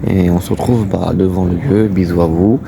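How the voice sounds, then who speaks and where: A man's voice: low-pitched, fairly even intonation, moderate pace, creaky. Rambling young man vlogging on a phone. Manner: rambling, repeats filler phrases. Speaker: urbex vlogger. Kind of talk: casual vlog talk to camera. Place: outdoors near an abandoned manor. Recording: loud background noise on a phone recording.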